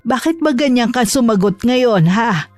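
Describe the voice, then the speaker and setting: A woman playing a worried, tender grandmother in a horror audio drama, coaxing her grandchild gently. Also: a little high, lively intonation, a little slow, no room sound, soft background music.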